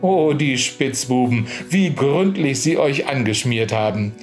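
A man voicing sly male highway rogues who talk in a mocking, wheedling way. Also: unhurried, soft background music, close to an everyday voice.

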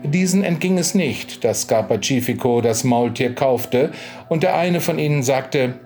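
A man calmly reading a folk tale aloud as narrator. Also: medium pitch, a little slow, faint music behind. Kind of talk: storybook reading.

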